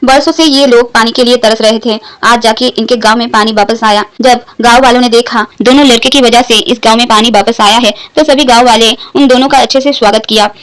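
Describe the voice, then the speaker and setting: A woman's voice: a little high, fairly even intonation, brisk, few pauses, fairly bright tone, no echo, poor audio. Woman narrating a story, close and dry. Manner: narrates and voices all characters lightly without strong character voices. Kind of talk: storytelling narration of fan fiction.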